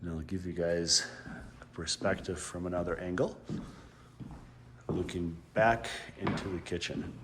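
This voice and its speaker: A man with a very low voice and a slight lisp from a dental retainer gives a relaxed, rambling tour of a large home. He films on a handheld gimbal camera as he moves from room to room, often correcting himself mid-sentence. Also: measured pace, pauses often, noisy background. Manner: easygoing, rambling, self-correcting. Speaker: real estate home tour guide. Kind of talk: casual walkthrough narration. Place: inside a large house.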